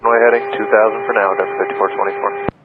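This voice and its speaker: Pilot guy over the radio, super fast clipped readbacks, hissy static. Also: on the low side, wildly swooping pitch. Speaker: airline pilot. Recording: tinny noisy radio transmission.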